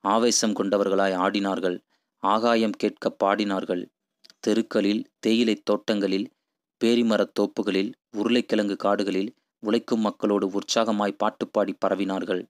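A man narrating a novel as an audiobook, with a measured, poetic delivery. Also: on the low side, little pitch movement, no echo. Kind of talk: reading a novel aloud.

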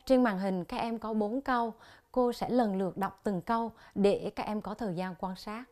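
Vietnamese woman teaching english on tv, says the words slow and clear for students. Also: mid-range voice, fairly even intonation, a little mellow. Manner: slow, careful pronunciation drills of English words. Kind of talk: televised English lesson.

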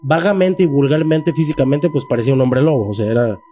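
This guest, a man in his thirties with a Mexican Spanish accent, tells a frightening personal paranormal tale in slangy, casual speech, raising his voice to quote people. His dark voice is fairly high with lively intonation and a quick pace, and a little hiss or hum can be heard.

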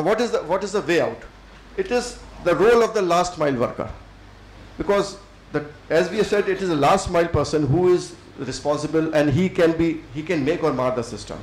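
A middle-aged Indian man with an Indian English accent gives a thoughtful lecture to students, with many fillers and pauses. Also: on the high side, a little mellow, echoey room, a little hiss or hum, rough recording. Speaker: civil servant speaker. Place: lecture hall.

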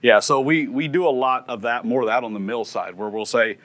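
Inside a sound-testing room and on the factory floor, a man in his thirties acts as a factory tour guide, giving a casual, detailed technical explanation in a matter-of-fact way. His mid-range voice is brisk and a bit bright.

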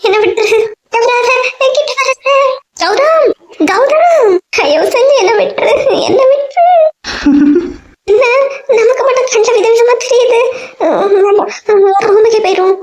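A performer voicing a frightened, clingy middle-aged aunt in a cartoon with a Kanyakumari Tamil accent, pleading over and over in a panic. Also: measured pace. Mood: scared pleading. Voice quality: very high, squeaky cartoon voice. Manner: pleading, repeats herself in a panic.

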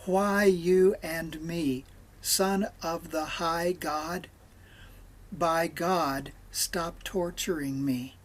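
Slow husky demon begging for mercy, read by a man, spoken in a plain reading voice. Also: on the high side, fairly even intonation. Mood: pleading. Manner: slow, read aloud with little change of voice. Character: tormented male demon legion, pleading.

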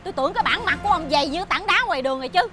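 Woman doing enraged wife tearing into her husband, really high, swings all over, music behind. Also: animated, rapid-fire, sharp tone, full character voice. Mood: furious. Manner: scolding, shrill, scornful. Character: furious middle-aged wife confronting her cheating husband. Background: background music.

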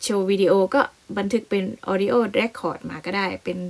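A woman's voice: medium pitch, normal speed, gravelly, a little mellow. A woman English teacher explaining a lesson step by step, often repeating words as she goes. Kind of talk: classroom explanation.

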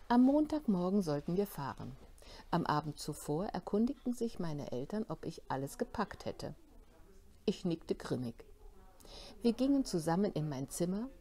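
A woman bookseller presenting a children's book and reading it aloud in a bookshop, with animated storytelling. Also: lowish voice.

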